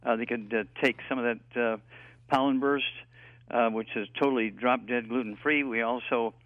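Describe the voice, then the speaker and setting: A man of eighty, a guest health expert on a call-in radio talk show, rambling and halting with many fillers over a tinny phone line. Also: mid-range voice, steady tone, no room sound. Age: 80s.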